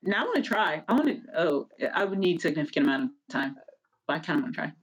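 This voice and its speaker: A woman's voice: deep voice, big pitch swings, quick pace, breathy edge. A woman guest co-hosting a casual chat, talking with giggly enthusiasm. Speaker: guest co-host.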